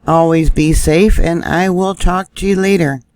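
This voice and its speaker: A man's voice: a little high, steady tone, measured pace, a little mellow. A man talking casually while he shows maps and camera views on screen, thinking aloud with fillers as he goes. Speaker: news vlogger. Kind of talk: casual screen-share commentary.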